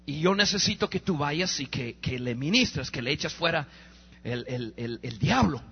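A man voicing a worried elderly village woman who asks for help in a soft, pleading tone. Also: on the high side, expressive, unhurried, vocal fry, husky, big-room sound, highs cut off, voice pushed down, full character voice.

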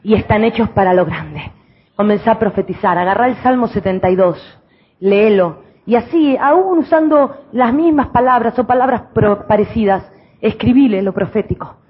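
Preaching with fervor, a woman pastor who has a Rioplatense Spanish accent shifts between loud exclamations and hushed, personal counsel. She talks at a normal speed with an expressive, medium-pitched, slightly breathy voice, captured on a muffled recording.

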